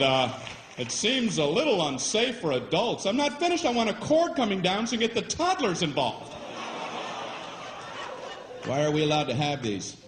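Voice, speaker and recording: A man's voice: high voice, echoey room, noisy background. A male stand-up comedian with a wry, incredulous delivery who acts out the characters in his jokes. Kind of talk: stand-up routine.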